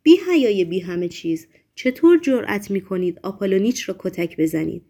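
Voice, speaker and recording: A woman's voice: a little high, animated. A woman voicing a haughty, heavyset society wife who speaks pompously and indignantly. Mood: outraged.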